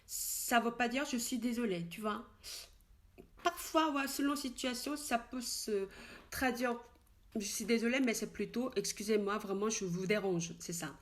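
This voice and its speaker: A woman teaches in French with frequent fillers and restarts. She slowly repeats each expression several times so it can be copied. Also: a little high. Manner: slow, repeated model pronunciations of Korean words. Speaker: Korean language teacher. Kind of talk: casual spoken language lesson.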